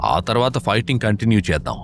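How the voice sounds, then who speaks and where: A man's voice: lowish voice, animated, fast, creaky, soft background music. A man voicing a fearless, cocky young male fighter who talks with mocking confidence in an audio drama.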